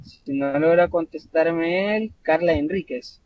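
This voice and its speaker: A man's voice: a little high, takes it slowly. A Salvadoran man tutoring an online class, explaining patiently with many fillers and self-corrections. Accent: Salvadoran Spanish. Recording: dull lo-fi online class audio with faint noise.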